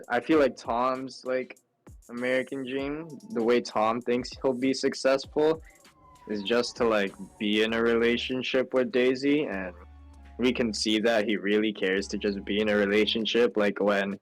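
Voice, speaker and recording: A teenage boy with a fairly low voice, chatting loosely on a school podcast and leaning on "like" all the time. Soft music plays faintly behind him. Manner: loose, with many filler "like"s. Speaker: student. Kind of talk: casual class podcast discussion.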